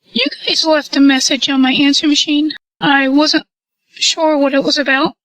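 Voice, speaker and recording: A man using voice changer software to sound like a calm, cooperative woman on a prank phone call. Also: very high-pitched, moderate pace, no room sound. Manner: calm and cooperative, answers briefly. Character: polite, unhurried adult woman caller. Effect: voice changer software making him sound like a woman. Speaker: prank caller.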